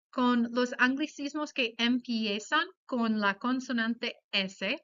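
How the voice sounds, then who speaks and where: A woman giving a class presentation on pronunciation, explaining carefully and saying example words slowly. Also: fairly high pitch, sharp tone, smooth. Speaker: student presenter. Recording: dull lo-fi sound.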